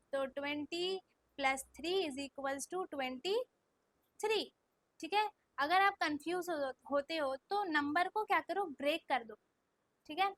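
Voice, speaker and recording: A woman teaching kindergarten children, talking close to the mic. She says numbers in Indian English, repeats them slowly and asks the class many questions. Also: high voice, a bit bright, no echo. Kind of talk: recorded classroom lesson.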